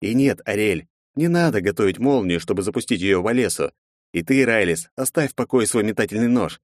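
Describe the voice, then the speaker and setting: A man narrating a fantasy audiobook, voicing a detached male wizard who answers flatly. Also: lowish voice, fairly quick, no echo. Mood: cool. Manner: detached, dry. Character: cool, dispassionate male wizard.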